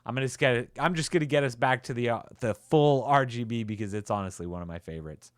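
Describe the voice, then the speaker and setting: Relaxed man demoing gear, dry close sound. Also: medium pitch, fast talker, dry recording. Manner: relaxed, upbeat, with frequent "uh" and repeats. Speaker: tech reviewer. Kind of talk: casual product demo.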